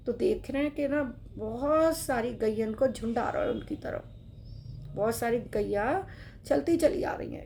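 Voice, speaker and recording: A woman storyteller narrating a devotional tale in a slow, drawn-out, emphatic way. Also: fairly high pitch, vocal fry, dark tone, a little hiss or hum.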